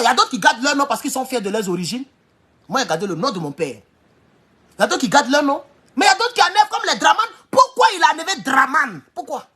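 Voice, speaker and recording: A man giving a heated political monologue, hammering rhetorical questions and sometimes shouting. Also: very high voice. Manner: emphatic, repeats rhetorical questions, bursts into shouting. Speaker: political commentator.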